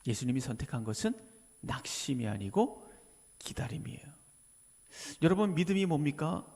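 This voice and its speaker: A man's voice: on the high side, big pitch swings, normal speed, vocal fry, darkish tone, husky. A male pastor giving a Sunday sermon in a conversational tone, often asking the congregation questions and imitating people's voices. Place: church sanctuary. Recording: church livestream with long hall reverb.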